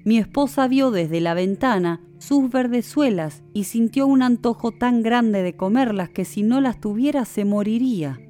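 A woman voicing a desperate poor husband in a storybook reading, pleading in a lowered voice. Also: expressive, measured pace, few pauses, dark tone, faint music behind.

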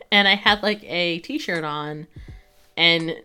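A woman's voice: on the low side, slow, pushed and bright, clear, resonant tone, faint music behind. A woman co-hosting a casual podcast chat, talking in a chatty, giggly way full of fillers. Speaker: podcast co-host.

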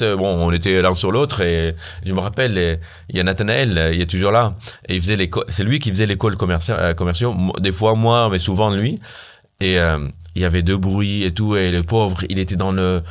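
Animated man. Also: low voice, brisk, clear, resonant tone. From Syria. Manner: animated, many fillers and restarts. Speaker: startup founder guest. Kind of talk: casual interview storytelling.

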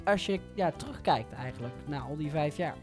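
A man's voice: fairly high pitch, expressive, a little fast, soft background music. A man hosting an informal radio and podcast interview in a conversational way.

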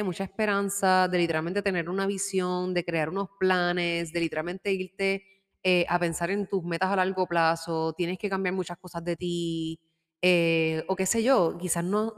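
A woman giving a casual tarot reading, chatty and warm in tone, slipping English words into her talk and laughing easily. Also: on the low side, in a large hall. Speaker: tarot reader. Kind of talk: casual spiritual guidance talk. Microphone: microphone with headphones.

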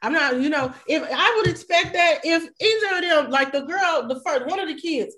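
A woman co-hosting a casual podcast chat, talking in an animated, emphatic way. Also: high voice, normal speed. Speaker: podcast co-host.

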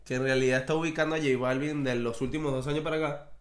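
A man's voice: mid-range voice, fairly even intonation, very fast. A man with a Venezuelan accent co-hosting a podcast, trading gossip in a slangy, joking way and trailing off as he searches for words. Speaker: podcast co-host. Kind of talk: casual gossip chat.

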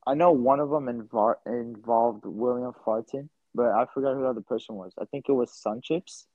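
A young man as a podcast guest, easygoing and full of "like" and "um" as he tells his stories. He has a medium-pitched voice. It comes through a dull, lo-fi mic, close and dry. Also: a little fast, a little mellow, no room sound. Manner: laid-back, filler-heavy storytelling. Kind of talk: casual interview.

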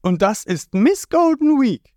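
A smug drawling villain. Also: male voice, very high-pitched, sing-song, measured pace, a little mellow, no room sound, clean studio sound, pitched above the performer's own voice, exaggerated voice. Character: smug scheming male villain agent.

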